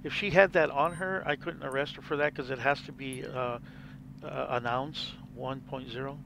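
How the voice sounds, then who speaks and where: A man's voice: mid-range voice, steady tone, normal speed, gravelly, noisy background. A man hosting a gameplay video, explaining casually and rambling as he plays. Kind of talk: casual game commentary.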